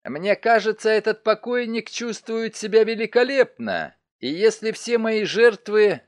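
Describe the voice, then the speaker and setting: A man voicing an agitated, indignant male suspect who protests and mocks loudly, in an audiobook reading. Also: sits high, measured pace, no room sound, studio quality, pitched above the performer's own voice. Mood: frantic, mocking. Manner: excited, protesting, mocking. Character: indignant, shrill middle-aged male suspect.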